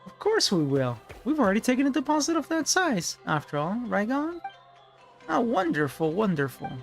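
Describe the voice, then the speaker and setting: A man's voice: very high-pitched, huge pitch swings, normal speed, gravelly, faint music behind, pitched above the performer's own voice, heavily acted. A man voicing a fussy, pompous male photographer with a theatrical, flowery manner, reading game lines aloud. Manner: theatrical, flowery, sputtering insults.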